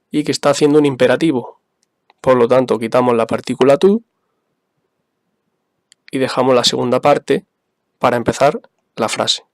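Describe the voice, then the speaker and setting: Guy teaching english basics real slow, patient, repeats stuff, dry close sound. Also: mid-range voice, dry recording. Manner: patient, spells out examples and repeats them. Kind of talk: slow, careful explanation for beginners.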